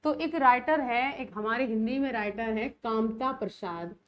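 A woman's voice: a little high, unhurried, muffled recording. A woman teacher giving an exam-prep lecture, often repeating key words back to her students as questions.

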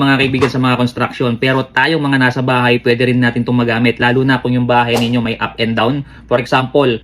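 A middle-aged Filipino man delivers a casual sales pitch. His voice sits at an average pitch. He moves along briskly, addressing viewers as a product reviewer. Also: slight background noise.

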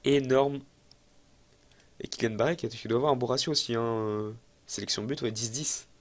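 Excitable young Frenchman commenting on his game. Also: mid-range voice, moderate pace. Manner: chatty, excitable, self-mocking, thinks aloud. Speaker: gaming YouTuber. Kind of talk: casual let's-play commentary.

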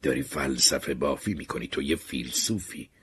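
A man reading as a scheming jailed criminal who lectures and presses without pause. The voice is low and deeply husky. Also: fairly bright tone, full character voice. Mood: probing. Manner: lecturing, pushy.

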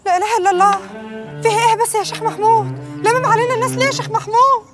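An actress playing a sharp-tongued, pious village woman in a TV drama, scolding and pleading. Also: very high-pitched, fairly even intonation, very fast, music in the background. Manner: scolding, coy protests. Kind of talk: television drama acting.

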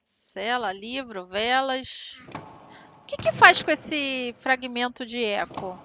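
A woman co-hosting a casual gameplay livestream, chatting quickly with her partner and the chat. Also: fairly high pitch, bright, forceful tone, a little hiss or hum. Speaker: streamer, co-host.

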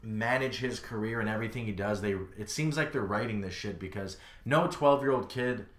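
A man's voice: fairly low pitch, fairly quick. A man hosting a casual podcast, steering the talk with questions and opinions. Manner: steady, leads the discussion with questions. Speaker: podcast host. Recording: roomy echo.

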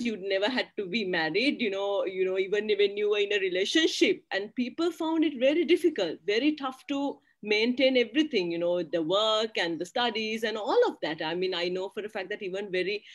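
A woman's voice: medium pitch, animated, fairly quick, few pauses. A woman in her thirties speaking as a panelist on a video call from a small curtained room, talking earnestly and tagging her points with "you know" and "right?". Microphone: laptop webcam on a video call.

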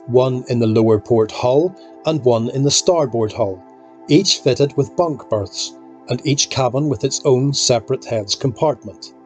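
A man reading scripted documentary narration in a measured, explanatory way. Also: medium pitch, darkish tone. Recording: voice-over with faint music behind.

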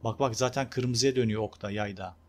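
A young man casually commenting on his own gameplay, chatty and excitable, talking to his viewers and urging on the game character. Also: lowish voice, a little fast. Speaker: gameplay video host. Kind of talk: casual let's-play commentary.

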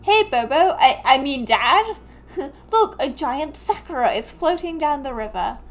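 An eager young farm daughter, voiced by a woman who exclaims everything with excitement. Her voice is high and bright with energy. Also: unhurried. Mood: excited.

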